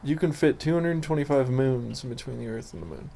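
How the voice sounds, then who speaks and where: A man's voice: medium pitch, brisk, gravelly, warm tone. A young man co-hosting a podcast in casual chat, rambling with many fillers and crude jokes. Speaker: podcast co-host.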